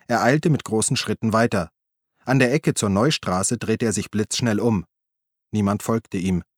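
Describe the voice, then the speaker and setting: A man reading a crime novel aloud in a steady, measured narration. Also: fairly low pitch, no room sound, studio quality. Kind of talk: scripted narration.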